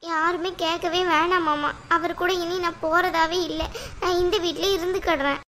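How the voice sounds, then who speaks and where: Cartoon role: fiery young wife, high, piercing voice, voiced by a woman. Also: steady tone, moderate pace, a little hiss or hum. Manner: complaining, sharp-tongued. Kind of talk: cartoon voice acting.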